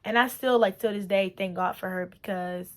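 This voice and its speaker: A woman's voice: medium pitch, normal speed. A woman tells her personal testimony to the camera. She speaks earnestly and with emotion. Her talk loops back on itself, full of repeats and "like".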